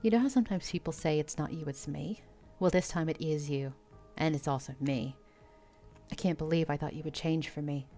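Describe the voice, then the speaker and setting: Woman playing a dramatic sharp-tongued ghost girl. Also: deep voice, fairly quick, faint music behind. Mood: scornful. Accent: Australian. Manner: theatrical, emphatic.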